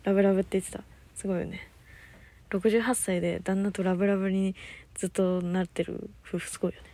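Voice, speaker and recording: A woman hosting her own talk radio show, chatting casually on her own, often losing her thread. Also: fast talker. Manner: rambling, loses her thread, laughs often; high-energy, lively talker. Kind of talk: casual solo chat.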